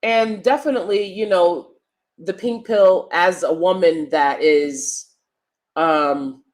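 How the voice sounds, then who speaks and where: Talking to camera, a woman commentary vlogger offers opinion pieces in a loud, projecting stage voice that sits on the low side. She speaks slowly and emphatically, swinging between loud statements and soft asides.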